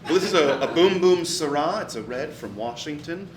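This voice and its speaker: A man acting as sommelier at a live comedy show, explaining wines in a deadpan way and slipping in absurd asides without changing tone. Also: on the high side, moderate pace, crowd noise. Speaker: sommelier guest. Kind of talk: live comedy wine tasting. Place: small live venue on stage. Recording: roomy live venue, from far off, noisy.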